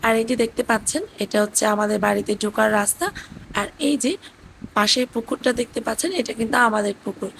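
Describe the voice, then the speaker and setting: A woman, hoarse from talking, gently narrating a family vlog as a voice-over with occasional fillers. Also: a little high, brisk, a little hiss or hum, rough recording. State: hoarse, voice cracking. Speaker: vlogger narrating family trip. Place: indoors at her parents' house.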